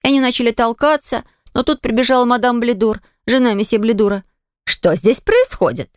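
A woman narrating a children's storybook in an even, steady reading voice. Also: fairly high pitch, quick pace, clean tone, no room sound, studio quality. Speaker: audiobook reader.

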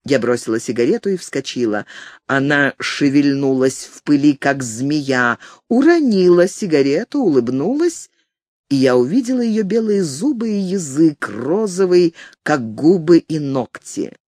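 An audiobook narrator reading a novel in the first person, with an expressive delivery. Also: a little slow, dry recording, studio quality. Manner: expressive, with a widely moving pitch.

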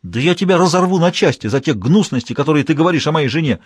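A man voicing a hot-tempered, jealous young prince in an audiobook, shouting and wailing. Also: a little high, lively intonation, a little fast, no echo, clean studio sound, pitched above the performer's own voice. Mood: raging.

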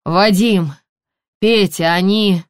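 Brief: female reader as a delirious injured laborer, halting fragments, close dry mic. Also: mid-range voice, clean tone, no room sound, lightly acted. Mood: urgent gasping. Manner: halting broken phrases, barely audible. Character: injured exhausted working man, delirious. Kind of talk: audiobook character voicing.

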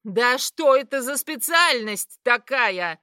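A woman's voice: medium pitch, sing-song, no room sound, studio quality, full character voice. A woman doing a cruel scornful mother. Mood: shouting. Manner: shouting, scornful, slow and heavy.

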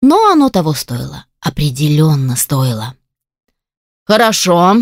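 A woman narrating a first-person fantasy audiobook, firm and steady in her storytelling. Her voice sits at a middle pitch, and the studio recording is dry and close with no room sound. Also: normal speed, no echo. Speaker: audiobook reader.

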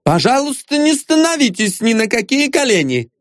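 A man reading aloud and putting on a high, shrill voice for a stern, scolding housewife. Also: very animated, unhurried, no echo, studio quality, heavily acted. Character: stern sharp-tongued housewife.

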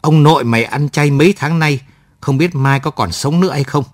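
A man voicing a rough, hot-tempered male guerrilla soldier who talks in a gruff, scolding way, in a dry, close recording. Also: on the high side, a little fast, no room sound, close to an everyday voice. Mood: angry.

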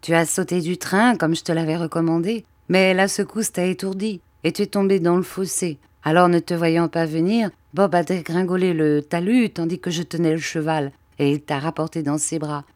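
A woman's voice: lowish voice, steady tone, moderate pace, few pauses, a little mellow, dry recording, lightly acted. A woman reading the part of an eager, emotional young boy in an audiobook. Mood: relieved. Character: boy Mathia, loyal and excited friend.

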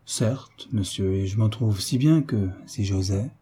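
A man's voice: lowish voice, measured pace, dark tone, breathy edge. A man voicing a frank, shy young woman at a ball, earnest and hesitant.

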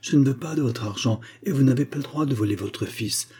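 A man's voice: medium pitch, steady tone, normal speed, mellow, slightly rough, voice pushed up. A man voicing a firm, honest young woman who pleads and refuses.

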